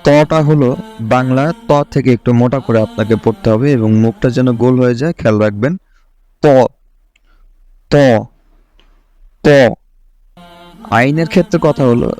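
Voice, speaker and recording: Calm guy teaching letter sounds, says each one slow and repeats it, smooth clear voice. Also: medium pitch, faint music behind. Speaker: Quran recitation teacher. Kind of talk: step-by-step teaching of letter pronunciation.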